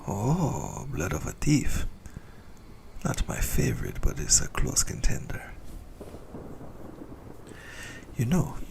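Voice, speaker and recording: Here a man gives a heavily acted performance as a centuries-old vampire lover in whispered ASMR, possessive, intimate and smugly menacing. The breathy, gravelly voice is medium in pitch and sounds amused, with a little hiss or hum in the recording.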